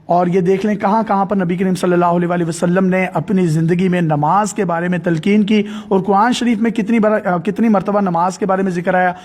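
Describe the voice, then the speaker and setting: Man, host, high voice, explanatory, devout phrasing. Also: steady tone, hardly any pauses, darkish tone. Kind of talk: TV interview demonstrating an app.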